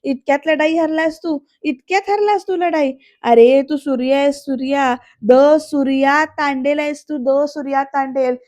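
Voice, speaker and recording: A woman reading the lines of loud, loyal young male friends teasing and rallying a pal. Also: sits high, moderate pace, hardly any pauses, lightly acted.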